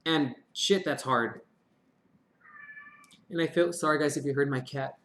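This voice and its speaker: A man's voice: a little high, a little slow, a bit bright. A man giving a casual live-stream tarot reading, chatty and swearing now and then. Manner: chatty, swears casually, murmured prayers to draw cards. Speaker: tarot reader. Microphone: live-stream mic. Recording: echoey room.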